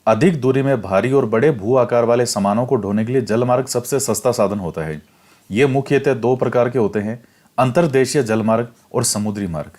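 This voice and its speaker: A man's voice: mid-range voice, a little fast, darkish tone. A male teacher giving a classroom lecture, reading from a textbook and explaining it step by step, repeating key facts.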